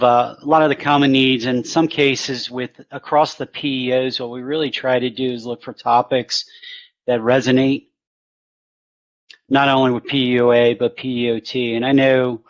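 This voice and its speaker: A man speaking in a flat, even voice on an online panel, stopping and restarting often with ums and uhs. His sound is dull and muffled, as if coming through a video call. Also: mid-range voice. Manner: hesitant, halting, many fillers. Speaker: Navy program panelist. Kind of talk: unprepared panel remarks.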